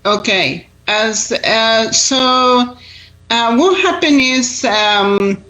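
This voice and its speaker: On a rough recording, a woman's high-leaning, pushed and bright voice carries lively intonation and drawn-out words. She is a tour guide and Bible teacher who was born in Israel and grew up in Argentina, speaking earnestly about faith in an interview with plenty of fillers and repetitions.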